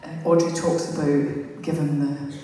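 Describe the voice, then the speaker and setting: A woman's voice: low-pitched, little pitch movement, measured pace, warm tone. A Scottish woman chats from the stage between songs, wandering from thought to thought and laughing at herself. Her voice carries from a distance through a big, long-ringing concert hall, with a faint hum of the room behind her. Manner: chatty, rambling, self-mocking. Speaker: singer talking to a concert audience. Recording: echoey hall from far off.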